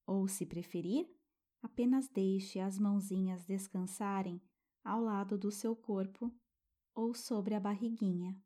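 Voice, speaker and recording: A Brazilian woman narrates like a sleep story reader guiding small children through meditation. Her voice is mellow and relaxed, and she speaks very slowly. The manner is gentle and hushed, with tender little words. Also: medium pitch. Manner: gentle, hushed, breathy pauses, tender diminutives.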